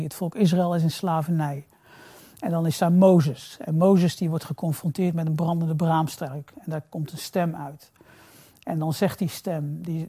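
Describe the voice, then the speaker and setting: Warm, reflective male preacher. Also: dry recording. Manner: reflective, repeats phrases for emphasis; drops to a soft, low voice on key phrases. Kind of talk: sermon.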